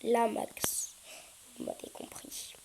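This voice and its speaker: A woman chatting through her gameplay, with lots of hesitant fillers and sudden excited yelps. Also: takes it slowly, background noise. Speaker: gaming YouTuber. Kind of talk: casual gameplay commentary.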